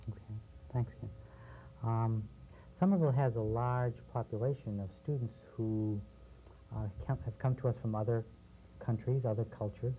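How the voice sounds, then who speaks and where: A man interviewing guests on community TV, asking steady questions with a few fillers, heard from a worn VHS tape copy. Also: mid-range voice, normal speed. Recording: worn VHS tape, thin and phone-like with faint hiss.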